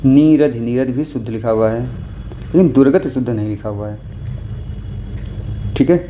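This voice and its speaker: Male tutor, patient step-by-step explaining, warm low-bright tone, muffled lo-fi audio with faint hiss. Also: moderate pace. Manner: patient, repeats with frequent "okay?" checks. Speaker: Hindi exam tutor. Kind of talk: explaining exam answers. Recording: dull lo-fi recording with faint noise.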